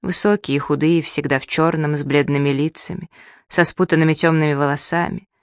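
Soft-voiced audiobook narrator, dry close sound. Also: female voice, sits low, fairly even intonation, smooth, no room sound. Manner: soft, measured, emotional reading. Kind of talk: scripted first-person narration.

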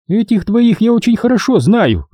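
A shrill, bossy female warden, as a male narrator puts her on, her voice pitched far up, sharp and scolding beneath a put-on sweetness. The tone stays soft and husky, recorded dry and close for a storybook. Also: very animated, normal speed, dry recording, heavily acted. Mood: stern.

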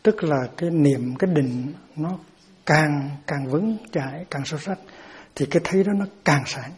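A man's voice: fairly high pitch, moderate pace, a little mellow. A man giving a Buddhist dharma talk as teacher, explaining terms patiently and often repeating words as he searches for them.

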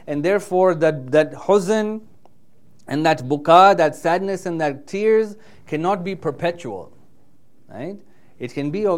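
A preacher delivers a religious lecture in English with earnest emphasis, reciting passages fluently in Arabic. He often checks in with "yeah?" and "right?" His voice is medium in pitch and a little mellow.

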